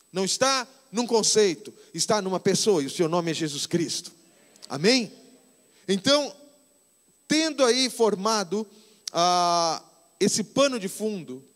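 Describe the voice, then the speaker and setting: A Brazilian man in his fifties, a pastor preaching conversationally and slowing down to stress key phrases. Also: sits high, fairly bright tone, big-room sound. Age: 50s. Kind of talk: sermon. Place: church hall.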